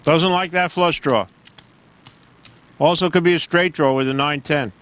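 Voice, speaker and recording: A man's voice: fairly high pitch, measured pace, a bit bright. A man calling a poker tournament in a wry, joking commentary style.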